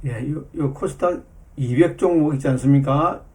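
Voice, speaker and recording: Middle-aged guy walking thru stock charts, kinda high mellow voice, keeps saying "ye" between lines. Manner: slow, repetitive, fills with "예" and "요". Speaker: stock market commentator.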